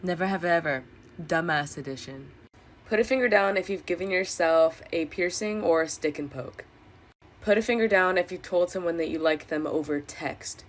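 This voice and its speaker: Lower-voiced woman reading playful prompts.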